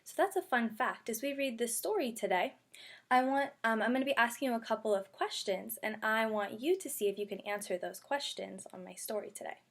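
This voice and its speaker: A woman kindergarten teacher gives a read-aloud lesson from a bedroom at home, speaking simply and instructively straight to young children. Her voice is a little high and a little fast.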